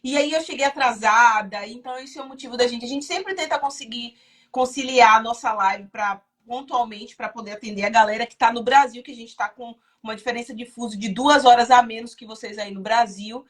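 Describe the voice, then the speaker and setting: Indoors in Chicago, a woman from Salvador, Bahia, Brazil, hosts a casual live chat, sounding exuberant, chatty and proud. Her voice is a little high and fairly quick.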